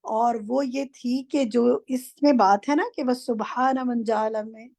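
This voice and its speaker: A woman's voice: fairly high pitch, fairly even intonation, gravelly, a little mellow, no room sound. A woman teaching an online class. She questions her students and corrects them firmly. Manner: firm, corrects students directly. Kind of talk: interactive class quizzing students. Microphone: online class microphone.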